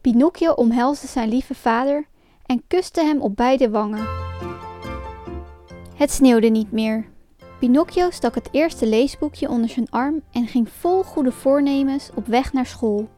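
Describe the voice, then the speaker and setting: Woman gently narrating a storybook. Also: sits high, unhurried, soft background music.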